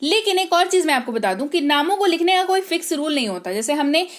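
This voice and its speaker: A woman teaching English spelling, speaking patiently, repeating words slowly and checking that her students follow. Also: sits high, sing-song. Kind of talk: explaining spelling to learners.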